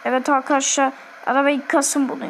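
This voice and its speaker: A woman's voice: sits high, flat delivery, quick pace, creaky, slight background noise, rough recording. A woman with an Azerbaijani accent giving chatty, repetitive gameplay commentary and keeping up a running talk with her viewers. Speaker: gaming video host.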